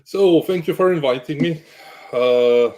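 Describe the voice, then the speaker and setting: A man's voice: a little high, measured pace, darkish tone. A man from Croatia, a guest in a casual interview chat, good-humored and jokey, often restarting his sentences. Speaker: guest, cloud architect.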